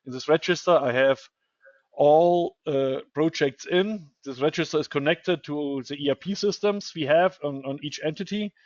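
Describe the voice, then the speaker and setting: A man, a guest speaker answering interview questions in a steady, explanatory way. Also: a little high, normal speed. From Germany. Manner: steady, explanatory, with small restarts. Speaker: guest speaker, project management director. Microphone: video call. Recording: dull, lo-fi video call audio.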